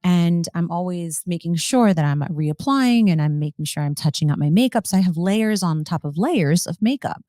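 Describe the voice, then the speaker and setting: A woman's voice: fairly low pitch, lively intonation, moderate pace, few pauses, mellow, no echo, studio quality. A woman hosting a podcast in a casual, upbeat, chatty way, enthusing about products. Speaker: podcast host. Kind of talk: casual chat.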